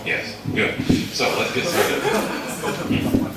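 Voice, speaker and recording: A man from Slovakia, giving a university lecture and explaining step by step while checking in with his listeners. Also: very slow. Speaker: guest lecturer. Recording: echoey hall, distant mic, background noise.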